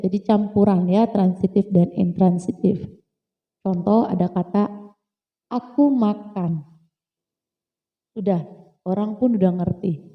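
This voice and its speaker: A woman's voice: medium pitch, in a large hall, lo-fi sound. A woman teaching grammar in a casual, patient way, repeating points and checking that listeners follow. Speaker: English teacher. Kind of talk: casual lesson explaining grammar.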